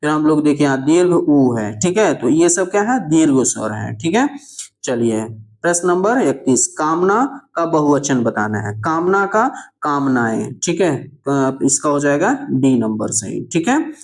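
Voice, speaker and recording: A man teaching an exam answer lesson. He reads each question aloud, asks it again, then drops his voice low to give the answer, and he fills the gaps with repeated "theek hai". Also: very animated, a little slow.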